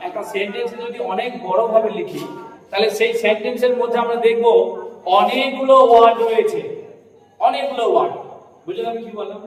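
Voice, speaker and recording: A male teacher giving a classroom lesson, often stopping to check that his students follow. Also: very high voice. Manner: keeps checking understanding with quick questions. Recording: echoey hall, voice from far off.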